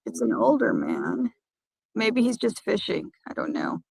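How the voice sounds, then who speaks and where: A woman chatting casually on a phone livestream by a lake, talking in halting, rambling bursts with many restarts. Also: medium pitch, huge pitch swings, vocal fry, darkish tone, breathy edge, dry recording. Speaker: van-life vlogger. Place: parked by a lake.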